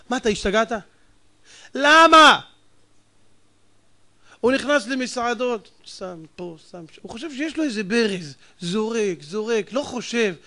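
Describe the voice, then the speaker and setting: In this sermon, a male rabbi pounds home his points with scorn and a barrage of rhetorical questions. He alternates loud eruptions with muttering under his breath.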